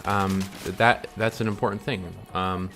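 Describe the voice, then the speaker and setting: A young male vlogger speaks a little slowly in a low, sharp-toned voice with fairly even intonation, chewing candy as he goes. His casual monologue about following his dreams is sincere but rambling, with frequent ums and restarts.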